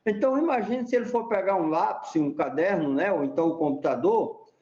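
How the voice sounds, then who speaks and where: This middle-aged man has a high, expressive, slightly mellow voice and talks fairly quickly. A repentista and teacher appearing as an interview guest, he explains things in a didactic, chatty way and keeps tossing in a rhetorical "né?". The room is echoey and the sound dull.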